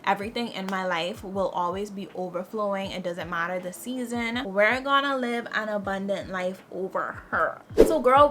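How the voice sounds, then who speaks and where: A lifestyle vlogger in her twenties, with a medium-pitched voice, gives lively, faith-filled life advice to her viewers in a casual motivational talk. She repeats her key phrases and keeps calling them "girl."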